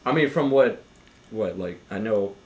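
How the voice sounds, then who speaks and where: Low-voiced young man telling stories. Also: expressive, a little slow, a little mellow. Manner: rambling, profane, with frequent restarts and fillers. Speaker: podcast co-host. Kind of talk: casual storytelling with friends.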